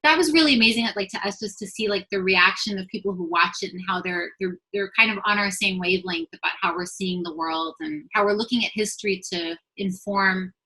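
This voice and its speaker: Earnest LA writer, bright voice, thoughtful and fluent. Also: female voice, mid-range voice, brisk, hardly any pauses, rough recording. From Los Angeles, US. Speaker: writer and producer. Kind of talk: casual interview answers.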